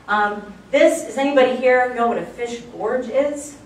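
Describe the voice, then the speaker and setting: A woman's voice: a little high, normal speed, slight background noise. Woman, archaeology lecturer, chatty, enthusiastic, very echoey room, distant mic. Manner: chatty and enthusiastic, many fillers. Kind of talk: public slide lecture. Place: lecture room, recorded from far off.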